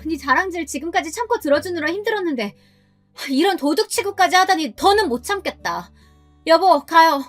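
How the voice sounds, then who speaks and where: A woman voicing an indignant young woman friend who talks in a shrill, offended way. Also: lively intonation, brisk, faint music behind. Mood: outraged.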